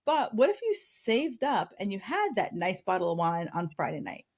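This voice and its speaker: A woman's voice: medium pitch, huge pitch swings, moderate pace, vocal fry, darkish tone. A middle-aged woman coaching on diet in casual interview chat, emphatic and blunt, often restarting her sentences. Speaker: guest, weight coach.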